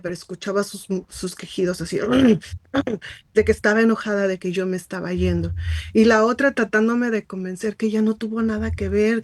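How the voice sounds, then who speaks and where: A middle-aged woman teaching Bible study, telling her story haltingly and often starting a sentence over. Her voice sits at an ordinary pitch and is recorded dry, with no room echo. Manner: personal, searching storytelling with many restarts.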